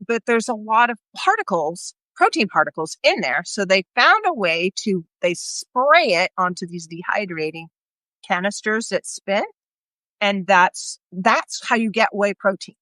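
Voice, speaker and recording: A woman's voice: mid-range voice, very animated, a little slow, bright, forceful tone, no room sound. A woman talking casually in a live video chat, rambling and restarting her sentences as she explains. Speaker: guest speaker on health. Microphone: video call.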